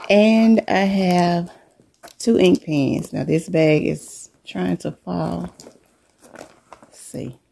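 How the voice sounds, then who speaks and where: Coming down with a cold, a middle-aged woman vlogs from her living room, going through her bag's contents in a casual, unhurried show-and-tell. Her fairly low voice is gravelly, and there's a little background noise.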